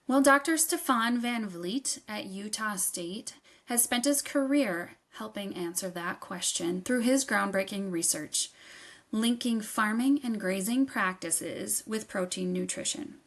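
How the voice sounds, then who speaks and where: A woman's voice: medium pitch, a bit bright. A woman reading a scripted podcast introduction in a polished, upbeat manner. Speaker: show announcer.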